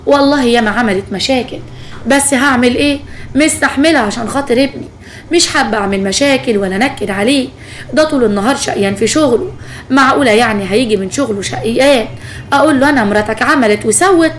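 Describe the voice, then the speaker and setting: A woman's voice: on the high side, fast, slight background noise, close to an everyday voice. A woman voicing a kind, pious older mother-in-law with an Egyptian Arabic accent who speaks soothingly, in a spoken story.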